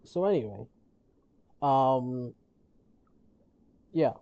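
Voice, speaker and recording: A streamer chatting casually on a gaming stream, rambling with halting restarts and frequent laughs, their voice worn from talking all day. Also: medium pitch, animated, no room sound, dull audio. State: losing their voice.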